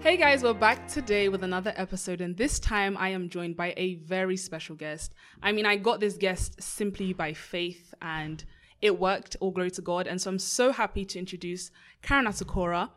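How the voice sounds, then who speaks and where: Young female podcast host, cheerful and chatty, soft music bed. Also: on the low side, moderate pace. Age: young adult. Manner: upbeat, warm faith talk with frequent praise. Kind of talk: casual podcast conversation.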